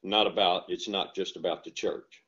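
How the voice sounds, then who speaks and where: Heard through a headset on a video call, the sound is somewhat dull and lo-fi. The speaker is an older Southern man, a dairy farmer and ice cream shop owner, whose voice sits low and keeps a normal speed. In this relaxed interview from a bookshelf-lined home room, he tells stories with folksy, earnest animation.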